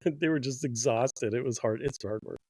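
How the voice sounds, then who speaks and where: A man's voice: medium pitch, moderate pace, warm tone, dry recording. Middle-aged man, dry close sound. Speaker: podcast co-host. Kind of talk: casual chat.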